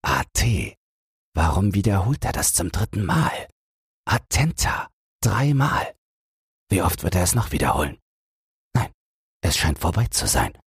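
Male reader as keen analytical detective, low husky voice, dry close mic. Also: sing-song, no room sound, heavily acted. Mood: intent. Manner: measured, reasoning aloud. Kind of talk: audiobook read for sleep.

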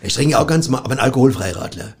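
Guy bantering on a comedy show, talks fast, husky. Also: mid-range voice, animated. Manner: rambling, argumentative. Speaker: radio co-host.

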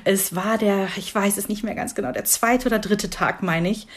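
A woman's voice: mid-range voice, moderate pace. A young adult woman co-hosting a podcast, chatting casually and laughing easily at herself. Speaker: podcast co-host.

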